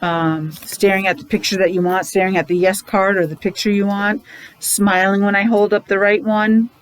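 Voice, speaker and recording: Leading an interactive morning meeting, a middle-aged preschool or special ed teacher uses repetition, questions and letter sounds with small children. She speaks at normal speed in a flat, mid-range voice, and the audio is poor.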